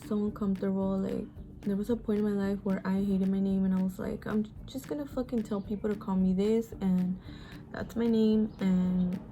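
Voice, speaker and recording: Faint music plays behind a beauty vlogger in her twenties as she does her makeup and chats at a moderate pace in a steady, mellow, mid-range voice. Born in Mexico and raised in the US, she's frank and casual, sighing often and swearing without hesitation.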